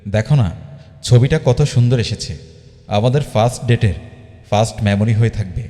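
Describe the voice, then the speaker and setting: A man's voice: medium pitch, fairly quick, dark tone, big-room sound, natural voice. A man voicing a pushy, melodramatic young woman on a first date, demanding and scolding.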